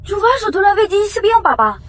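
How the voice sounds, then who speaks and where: A woman acts as a trusting little child in an animated drama. The voice is extremely high and swoops around excitedly, with clear noise behind it. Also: fast. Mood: hopeful, excited. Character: excitable, trusting small child, sibling in village.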